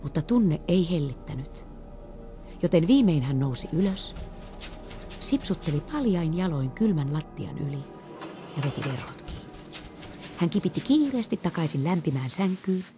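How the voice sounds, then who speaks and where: A woman reading an audiobook story aloud with lively, expressive intonation. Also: sits low, pauses often, faint music behind. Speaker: audiobook reader. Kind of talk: scripted narration.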